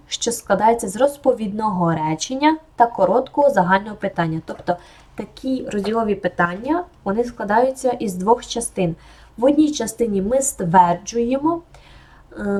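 Mellow-voiced woman teaching English grammar. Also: medium pitch. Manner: calm explanatory tone, modelling English examples slowly. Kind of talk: explaining English grammar in Ukrainian.

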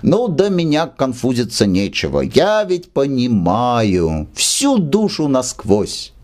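A man voicing a tearful, rambling drunk male musician who lodges in a rented room, with slow, slurred, sentimental speech. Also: mid-range voice, wildly swooping pitch, darkish tone, pitched above the performer's own voice. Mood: maudlin.

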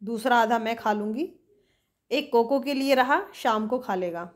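Storybook girl: warm, insistent hostess, voiced by a woman reading, pitched up. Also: a little slow, close to an everyday voice. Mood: friendly. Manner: friendly, pressing.

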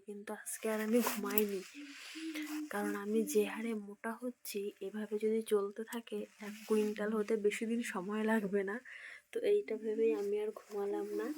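A woman with a Bengali accent speaking softly and slowly in a vlog while her child sleeps. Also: medium pitch, slight background noise. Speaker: vlogger. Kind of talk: hushed vlog narration.

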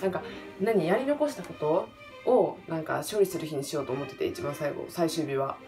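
A young woman with a lilt talks fast and rambles excitably through a casual vlog, her pitch bouncing all over. She sits in a hotel room at night, facing a camera under bright lights, with background music playing under her voice. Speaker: vlogger. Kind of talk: casual solo vlog chat. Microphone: camera in front under bright lights.

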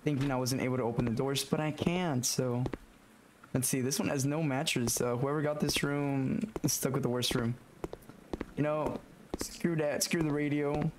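Sick and raspy-voiced, this young man narrates a horror game let's play on YouTube through a headset, reacting jumpily to scares, cursing and muttering to himself. His mid-range voice has fairly even intonation and normal speed, with noise in the background.

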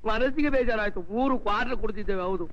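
A fussy comic uncle. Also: male voice, sits high, racing, a little hiss or hum. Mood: pleading. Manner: pleading, fussy and chattering. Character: comic meddling uncle, fond of his niece. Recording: dull film soundtrack with loud music.

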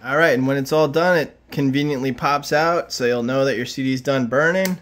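A thirtysomething tutorial host talks through a computer task click by click, keeping it casual, relaxed, and plain. His voice is medium-pitched and a little fast.

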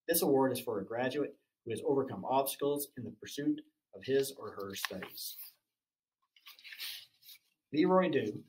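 A man with a mid-range voice reads school award announcements in a formal, even way. He moves steadily through names and criteria, now and then tripping on a word. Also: medium pitch, low-quality recording. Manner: formal, even reading with small stumbles. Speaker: awards presenter.

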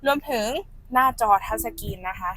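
A woman's voice: on the high side, normal speed, sharp tone. Chatty saleswoman with a raised voice. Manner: chatty, addresses viewers as elder sibling. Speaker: used car saleswoman. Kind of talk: sales walkaround presentation.

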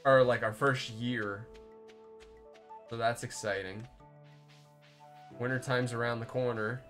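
A man's voice: mid-range voice, steady tone, slow, fairly bright tone. Male streamer, young, casual rambling chat, curses, mid-range voice, faint music behind. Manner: rambling and swearing, chatting with viewers. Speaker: game streamer. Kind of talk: casual live-stream chat while playing.

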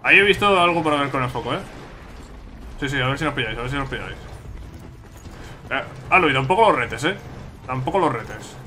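Bright-voiced Spanish gamer thinking aloud. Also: male voice, mid-range voice, animated, a little fast, long pauses, a little hiss or hum. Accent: Spain Spanish. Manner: chatty, thinks aloud, repeats himself. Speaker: gaming streamer. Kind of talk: casual let's-play commentary.

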